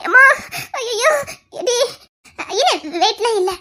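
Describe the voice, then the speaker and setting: A woman's voice: very high-pitched, a little slow, pushed and bright, exaggerated voice. A woman performing a family comedy skit, wailing and crying out in exaggerated mock distress. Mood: comic wailing.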